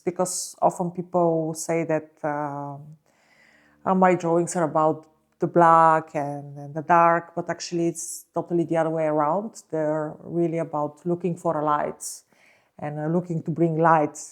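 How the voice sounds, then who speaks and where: A woman from Bulgaria, probably in her thirties, speaking as a visual artist in an interview, slow and searching, with many fillers and pauses. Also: sits low, little pitch movement. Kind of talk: reflective interview talk.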